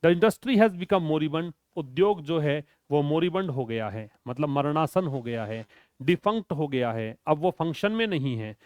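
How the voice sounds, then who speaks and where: A man's voice: a little high, animated, normal speed, smooth, no echo, clean studio sound. A male teacher giving an exam vocabulary lesson, asking questions and answering them himself in a drilling way.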